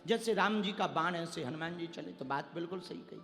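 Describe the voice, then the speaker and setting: A man's voice: on the high side, brisk, creaky, a bit bright. A man preaching a devotional sermon to a large gathering, telling a story and coaxing the crowd to answer him. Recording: long hall reverb, faint music.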